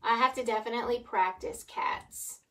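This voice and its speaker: A woman's voice: on the high side, moderate pace, distant mic, a little hiss or hum. A woman, leading a live painting tutorial in a chatty, giggly way. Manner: chatty, giggly, says y'all. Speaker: painting instructor.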